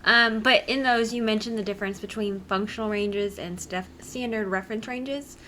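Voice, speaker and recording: A woman's voice: medium pitch, steady tone, moderate pace, pushed and bright, a little hiss or hum. A woman co-hosting a health podcast, asking questions and prompting her co-host in a casual way. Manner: asks questions, laughs along.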